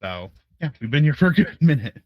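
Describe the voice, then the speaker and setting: A man from Los Angeles on a casual online panel, measured and thoughtful. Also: fairly high pitch, very animated, dry recording, dull audio. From Los Angeles, United States.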